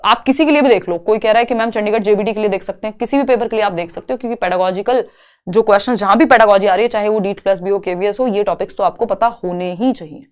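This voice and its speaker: A woman's voice: medium pitch, fast talker, smooth. A young woman teaches an exam prep class online, walking through questions step by step and answering her own questions. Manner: explains questions step by step, asks and answers herself. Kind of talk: online lecture.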